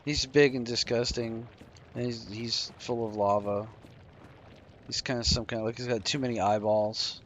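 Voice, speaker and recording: While playing, a drowsy streamer calmly explains every move, with the occasional yawn. He speaks at a moderate pace in a medium-pitched voice through a desk microphone, with a bit of background noise.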